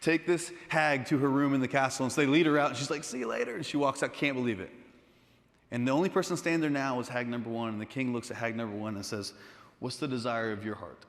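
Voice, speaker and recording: A man telling a lively story to students in a conversational way, with asides to his listeners. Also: mid-range voice, fast talker. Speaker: speaker. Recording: echoey hall.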